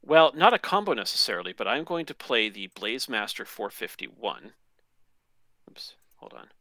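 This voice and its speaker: A man's voice: medium pitch, very animated, a little fast, sharp tone, no echo. A man hosting a live game stream, chatting casually and joking as he thinks aloud over his moves. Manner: playful, jokey, thinks aloud. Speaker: streaming channel host.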